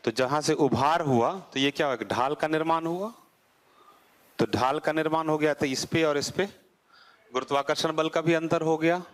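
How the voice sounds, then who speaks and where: At a moderate pace, a male teacher gives a geography lecture in class. He repeatedly asks and then answers rhetorical questions, his pitch lowering as each point ends.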